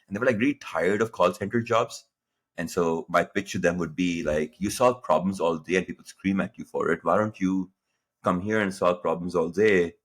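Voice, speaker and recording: A man in his late thirties from Pakistan, a guest entrepreneur telling his story in a lively interview, acting out quoted dialogue. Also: normal speed. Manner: animated, acts out quoted dialogue with jumps in pitch.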